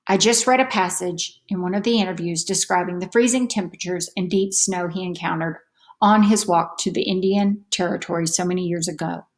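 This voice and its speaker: In a lowish voice, a woman performs a children's story as a storybook reader, her delivery expressive and deliberate.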